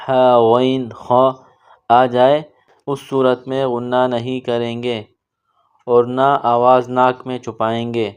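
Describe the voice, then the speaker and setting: A man teaching children to read the Quran, explaining each letter patiently and drawing syllables out slowly in recitation. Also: mid-range voice, smooth. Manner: slow, drawn-out syllable-by-syllable recitation between explanations. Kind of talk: step-by-step recitation lesson for kids.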